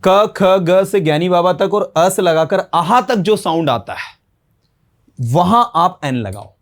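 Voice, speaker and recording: A man's voice: high voice, lively intonation, takes it slowly. A man with a Hindi accent teaching an English grammar lesson, mixing Hindi with English terms and asking rhetorical questions. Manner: explains in Hindi mixed with English terms, asks rhetorical questions and answers them. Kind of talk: classroom-style grammar lesson.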